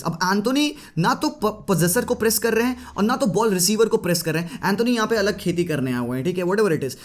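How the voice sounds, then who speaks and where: A man giving a casual, lively tactical breakdown of a football match, chatting to viewers and mixing in English phrases. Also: high voice. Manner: lively Hinglish commentary, mixing Hindi and English; chatty, addresses viewers as bhai. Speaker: football analyst.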